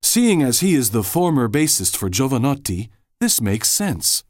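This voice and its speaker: A man narrating a scripted language-learning feature as the host, in a clear, lively delivery. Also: medium pitch, normal speed, no echo, clean studio sound.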